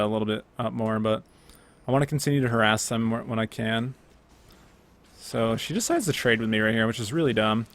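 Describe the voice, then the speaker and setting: Over his own gameplay clips, a young man offers laid-back, talkative commentary, often using fillers and correcting himself. He speaks at a medium pitch.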